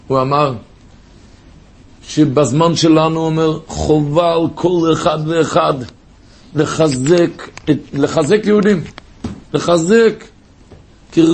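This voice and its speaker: A man preaching a sermon through stories, telling them with passion and rising to high cries. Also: a little hiss or hum.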